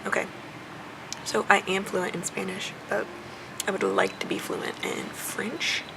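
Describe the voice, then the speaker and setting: A young adult woman from the southern United States talks casually, like a vlogger answering viewers' questions, chewing gum as she goes. Her mid-range voice has a lot of creak and is very animated but unhurried, with clear ambient noise behind her.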